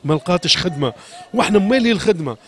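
A shoemaker from Sfax with a Tunisian Arabic accent vents an impassioned, agitated complaint in a street interview, pleading and asking his questions again and again. His high voice is a bit bright, with lively intonation and a very fast pace.

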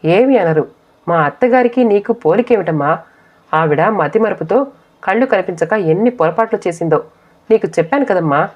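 A woman's voice: lowish voice, lively intonation, normal speed. A woman voicing a fiery, protective young married daughter who speaks in heated outbursts. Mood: indignant. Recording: dull lo-fi audio.

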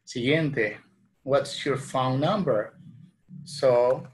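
A man in his thirties from El Salvador with a Salvadoran Spanish accent, teaching a bilingual English lesson from a small room at home, repeating phrases slowly and then translating them into Spanish. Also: mid-range voice, slight background noise.

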